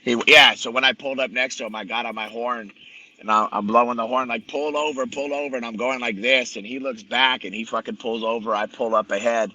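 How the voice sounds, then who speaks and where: Bright-voiced blunt, profane male storyteller. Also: medium pitch, steady tone, a little fast, highs cut off, slight background noise. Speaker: podcast guest. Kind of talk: casual conversation, storytelling.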